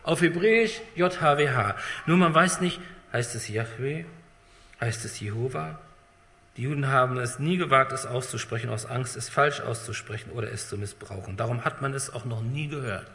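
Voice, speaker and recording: A man preaching a sermon with dramatic swings between loud emphasis and hushed, drawn-out phrases. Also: mid-range voice. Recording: long hall reverb.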